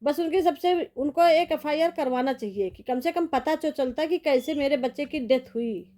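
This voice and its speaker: A woman's voice: sits high, moderate pace, dark tone. A middle-aged woman vlogger commenting casually and sorrowfully, rambling with sympathy.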